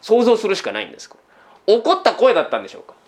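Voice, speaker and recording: A man's voice: high voice, wildly swooping pitch, very fast. A man giving a sermon as pastor, in a conversational way full of rhetorical questions, often tagging sentences with a trailing "this".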